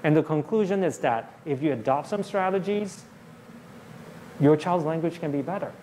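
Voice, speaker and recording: A man's voice: a little high, moderate pace, a little mellow, slight background noise. A man giving a public university lecture, explaining points plainly and often checking in with the audience. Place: lecture hall.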